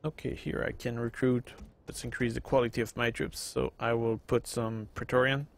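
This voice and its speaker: Creaky and flat, his mid-range voice moves at a moderate pace. The Quebec French-accented gaming host, in his thirties, offers casual let's-play commentary on a strategy game, chatting with viewers and rambling with plenty of fillers.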